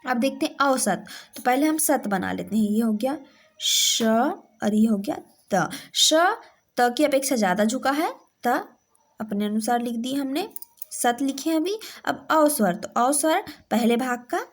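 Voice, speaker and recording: A woman teaching shorthand in a patient, step-by-step way, often pausing to check that her students are following. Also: fairly high pitch, a little mellow. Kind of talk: classroom-style tutorial.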